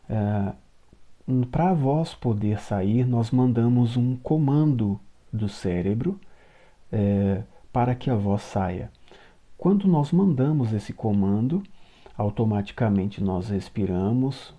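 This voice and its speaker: A middle-aged man from Brazil, a singing teacher and choir conductor, giving a calm, encouraging spoken voice lesson to his students and explaining things step by step. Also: fairly low pitch.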